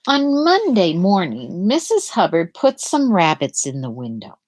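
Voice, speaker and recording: A middle-aged storyteller hosts a live picture-book read-aloud for schoolchildren, unhurried and with huge swings in pitch. She stops often to talk casually with the kids and ask them gentle questions.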